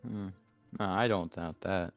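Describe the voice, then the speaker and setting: An easygoing man with a very low voice speaks casually as a player in a tabletop game, musing out loud. Faint music sits behind a slightly dull recording. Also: steady tone, measured pace, vocal fry, no room sound. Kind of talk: casual role-play as a player.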